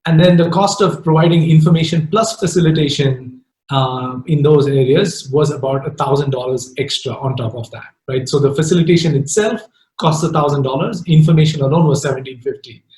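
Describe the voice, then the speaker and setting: A man's voice: fairly high pitch, a little fast, a little mellow. A male professor giving an academic lecture, explaining step by step with frequent fillers and checking "right?" with his listeners. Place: lecture hall. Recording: echoey lecture room.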